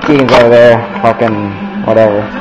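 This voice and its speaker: A man's voice: fairly low pitch, steady tone, moderate pace, muffled recording. A teenage young man chatting casually in a slangy, profane way to a handheld camera. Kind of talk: casual vlog chat. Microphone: handheld camera close by. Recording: noisy handheld camera recording.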